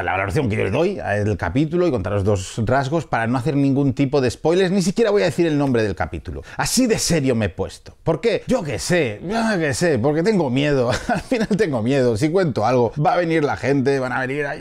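A man's voice: medium pitch, a little mellow. A middle-aged man from Spain with a Peninsular Spanish accent, giving a casual, jokey video review as a film critic with rambling asides.

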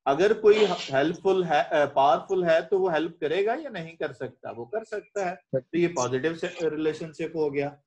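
A man's voice: a little high, expressive, moderate pace, a little mellow, a little hiss or hum. A middle-aged man from Pakistan giving an English lecture in Urdu, quizzing students and translating line by line. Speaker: English teacher.

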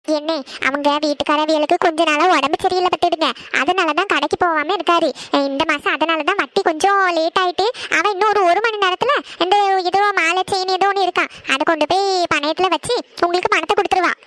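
A woman plays a firm cartoon village auntie. Her voice is high, and she talks quickly, scolding and bargaining in a no-nonsense way. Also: a bit bright, no echo. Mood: negotiating. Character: concerned older village woman, a relative. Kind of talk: cartoon voice acting.

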